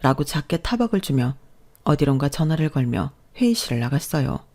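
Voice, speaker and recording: A middle-aged woman narrating a first-person real-life story in a calm, even storytelling way. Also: low voice, fairly quick.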